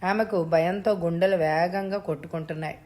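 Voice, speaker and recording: A woman narrating a suspense story in a steady, measured reading voice. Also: on the low side.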